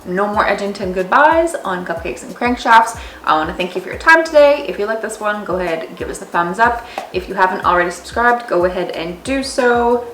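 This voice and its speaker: A woman's voice: medium pitch, expressive, brisk, few pauses, a bit bright, a little hiss or hum. A woman hosting a casual storytelling vlog, informal and sweary, playing both parts in re-enacted conversations. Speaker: video host and tradeswoman. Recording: roomy echo, faint music.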